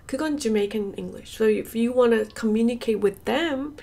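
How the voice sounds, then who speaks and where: Slow, gravelly-voiced woman teacher. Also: fairly high pitch. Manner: lively, repeats words for drilling, mixes English into her talk. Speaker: English pronunciation teacher. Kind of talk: video lesson.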